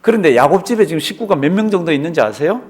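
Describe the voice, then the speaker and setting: A man's voice: a little high, animated, racing, a little mellow. A man, a pastor, teaching a Bible study class, asking the class questions, answering them himself and repeating key words for emphasis. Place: church classroom.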